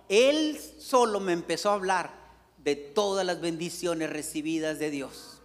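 High-voiced man preaching fervently in a hall. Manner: fervent preaching, frequent "hermanos", big pitch swings. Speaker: pastor. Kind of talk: sermon. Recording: long reverb of a hall.

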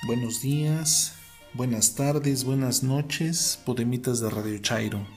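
A man opens his radio commentary show at an unhurried pace. He speaks in a measured, formal manner. A faint string melody plays behind him. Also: medium pitch.

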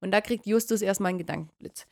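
A woman's voice: mid-range voice, creaky. A woman co-hosting a casual podcast, recapping a story with many fillers and frequent laughs. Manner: lively, laughs often, halting fillers. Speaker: podcast co-host. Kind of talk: casual chat recapping a radio play episode.

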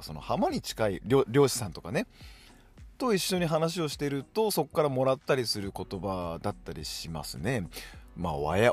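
A man's voice: on the low side, slightly rough. A man with a Hokkaido accent hosting a casual solo podcast, chatting along and dropping in short affirmations. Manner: chatty, dotted with "hai" affirmations. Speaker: podcast host.

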